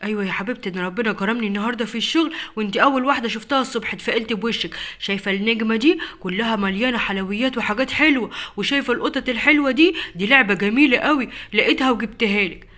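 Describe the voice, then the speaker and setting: Woman playing an Egyptian dad, cartoon family skit, very fast talk, bright voice. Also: a little high, natural voice. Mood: pleased. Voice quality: rapid-fire chatter. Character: busy hardworking father, pious and impatient.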